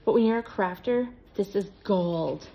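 A middle-aged woman from Minnesota unboxing craft mail, gushing and excitable with lots of gasps. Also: medium pitch, measured pace, a little hiss or hum, rough recording. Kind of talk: casual unboxing vlog.

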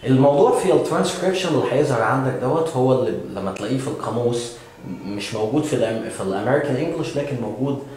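Egyptian male English teacher, brisk, patient, hesitant fillers, reverberant room. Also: medium pitch, lively intonation, a little mellow, a little hiss or hum. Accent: Egyptian Arabic. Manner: patient, with many "aah" fillers, models words slowly. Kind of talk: explanatory language lesson. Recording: very echoey room.

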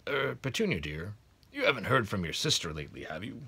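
A man's voice: on the low side, huge pitch swings, fairly quick, creaky, pushed and bright, husky, heavily acted. A man voicing a nervous, stiff suburban husband from a storybook, hesitant and mumbling.

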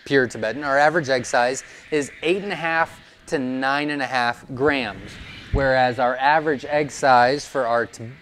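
A young man at a middle pitch gives a relaxed, explanatory talk about breeding birds, filling pauses with "um" and "uh". His lapel mic picks him up clearly indoors, with a faint hiss in the background. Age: young adult. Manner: relaxed, explanatory, many fillers. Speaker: quail breeder. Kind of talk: informal teaching video. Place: indoors, seated before a wooden wall. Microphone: clip-on lapel mic.

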